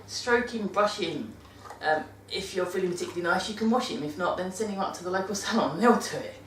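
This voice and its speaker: A fast-talking British woman with a mid-range voice rambles through dog-care tips in a casual monthly vlog, often correcting herself partway through a sentence. Recorded on a distant mic, the sound is roomy with slight background noise.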